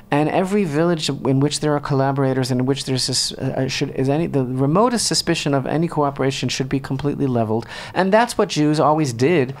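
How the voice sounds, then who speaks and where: Talk radio host, male, mid-pitched, impassioned commentary, indignant rhetorical questions, studio read.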